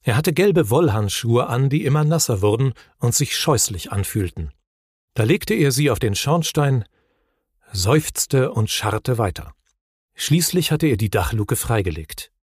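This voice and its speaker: A man working as a care home receptionist, reading a story aloud in a friendly, expressive way. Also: mid-range voice, measured pace, breathy edge, no echo, studio quality.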